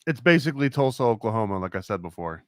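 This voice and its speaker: A man's voice: lowish voice, very animated, fast talker, no room sound, clean studio sound. A man co-hosting a casual podcast chat, rambling and laughing often, his talk full of "like". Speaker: podcast co-host.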